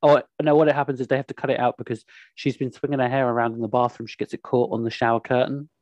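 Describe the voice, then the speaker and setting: Chatty young guy hosting a podcast, lots of ums, mid pitch, dry mic. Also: flat delivery, quick pace, darkish tone, dry recording, muffled recording. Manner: chatty, rambling with many ums. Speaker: podcast host. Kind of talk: casual chat.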